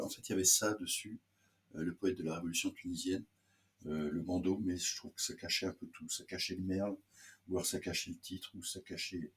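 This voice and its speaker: Low-voiced man reading aloud, hesitant asides. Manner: hesitant, many fillers and restarts between readings. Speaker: literary show host reading excerpts. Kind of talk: reading aloud and casual commentary.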